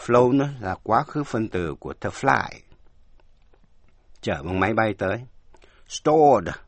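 A man teaching English pronunciation in a language lesson, slowly spelling words out letter by letter. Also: lowish voice, lively intonation, no room sound.

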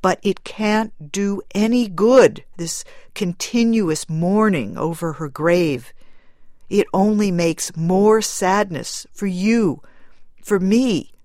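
A woman voicing a gentle, worried husband who coaxes his grieving wife. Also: medium pitch, slow pace, no echo, clean studio sound, close to an everyday voice. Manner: gentle, coaxing.

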